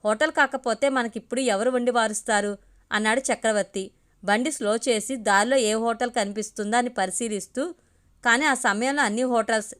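A woman reading a family story aloud in an even, steady way, lightly voicing each character's lines. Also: fairly high pitch.

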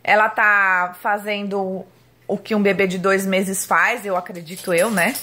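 A woman's voice: medium pitch, fairly even intonation, a little slow, sharp tone. A woman, chatting casually to viewers in a home vlog as a mother, with frequent tag questions. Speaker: mother and vlogger.

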